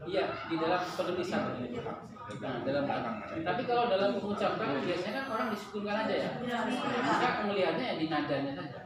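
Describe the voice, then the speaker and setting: A man's voice: high voice, lively intonation, fast talker, a loud crowd. A man teaching an Arabic grammar class, patient, often laughing and repeating key terms. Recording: very echoey room with noise.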